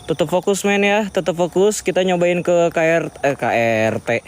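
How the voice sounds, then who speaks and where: A man with a fairly high voice hosts a casual ghost-hunting vlog outdoors at an old sugar factory beside cane fields. He is slangy and chatty, speaking to his viewers and to the spirits in turn. Faint background noise sits under his voice. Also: steady tone, normal speed. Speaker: paranormal investigator vlogger.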